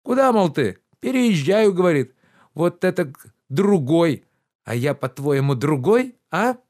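Indignant idle nobleman in an audiobook, high and shrill, loud lecturing, as a male reader puts him on. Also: big pitch swings, measured pace. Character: pampered idle middle-aged gentleman, indignant.

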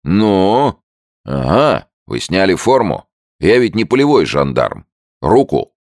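A man's voice: low-pitched, big pitch swings, slow pace, darkish tone, no echo, clean studio sound, voice pushed up, exaggerated voice. A man voicing a blunt, blustering American soldier in an audiobook. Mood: brash. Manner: brash, blustering. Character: rough-talking American soldier, blunt and loud.

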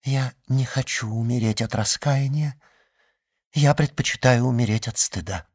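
A man's voice: mid-range voice, a little slow, a little mellow, breathy edge, no echo, studio quality. A man reading an audiobook and voicing a devoted young woman, pleading in an impassioned, trembling way.

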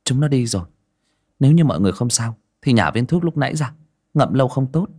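A man voicing a calm young woman exorcist who speaks in a low, matter-of-fact way. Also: fast talker, close to an everyday voice.

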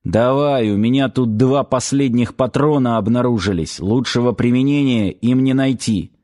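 A man doing a blunt, gruff rifleman. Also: medium pitch, normal speed, a little mellow, natural voice. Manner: blunt, matter-of-fact. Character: gruff steady male rifleman.

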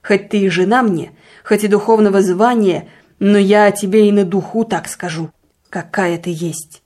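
A woman's voice: medium pitch, fairly even intonation, normal speed, warm tone, lightly acted. A woman voicing a suspicious, grumbling village sexton who mutters and then bursts out in angry accusations. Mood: ranting.

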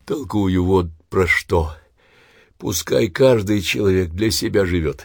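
A man voicing a coarse, grumpy old man in his eighties who is dying, talking gruffly in short, breathless phrases. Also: deep voice, unhurried, dry recording, clean studio sound, exaggerated voice. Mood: grumbling.

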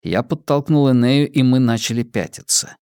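A man narrating an audiobook in a steady, measured reading voice. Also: mid-range voice, smooth, no room sound, clean studio sound.

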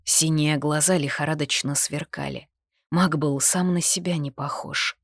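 A woman narrating a first-person fantasy romance audiobook, expressive and intimate. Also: low voice, measured pace, no echo, clean studio sound.

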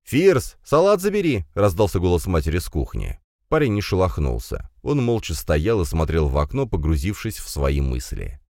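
A man narrating a story in an expressive, animated reading. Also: extremely low pitch, normal speed, no echo, clean studio sound. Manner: reads with lively, animated intonation. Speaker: audiobook narrator.

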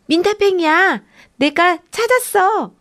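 A woman voicing an excitable little boy who shouts eagerly at his big sister. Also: on the high side, measured pace, creaky, heavily acted. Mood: excited.

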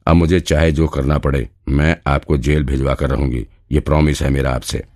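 A man's voice: very deep voice, level tone, moderate pace, a little mellow, no room sound, clean studio sound. A man voicing a protective young wife and mother who speaks in a stern, commanding way in an audiobook. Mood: stern, angry.

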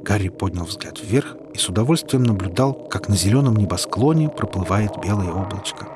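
A man narrating an audiobook in an even, measured storytelling manner, over a steady background hiss. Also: sits low.

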